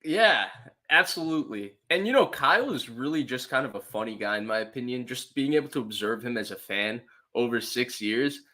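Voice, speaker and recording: Bright-voiced chatty man hosting a sports podcast. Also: mid-range voice, animated, brisk. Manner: chatty and observant, many fillers like "like". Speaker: podcast host. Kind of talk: casual sports talk.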